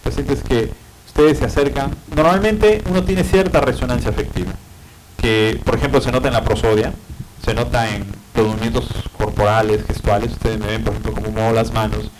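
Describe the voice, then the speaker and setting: A man's voice: medium pitch, fairly even intonation, fairly quick, background noise. A man with a Peruvian Spanish accent giving a university psychiatry lecture, explaining patiently and often checking in with tag questions and fillers.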